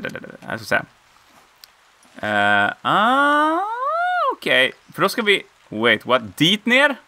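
Lively gravelly-voiced man gaming. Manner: playful, laughs often, squeals high exclamations. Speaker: let's play gamer. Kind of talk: casual gameplay commentary.

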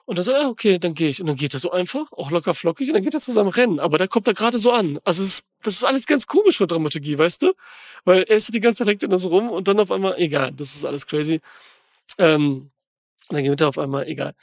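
A man hosting a film podcast, rambling excitedly and slangily as he retells and tears apart a movie in casual chat. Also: high voice, fast talker, dry recording, studio quality.

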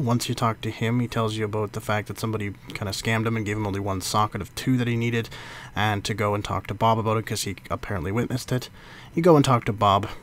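A man's voice: fairly low pitch, slight background noise. A man hosting a casual game walkthrough, talking loosely with many fillers and stumbling over names. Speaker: game guide host.

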